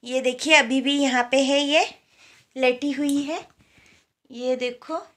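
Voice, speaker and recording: A woman's voice: high voice, fairly even intonation, slow, a bit bright. A young woman from India, a new mother, chatting casually at home in her vlog and explaining what she shows on her phone camera. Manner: chatty, explains while showing things. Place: home, indoors.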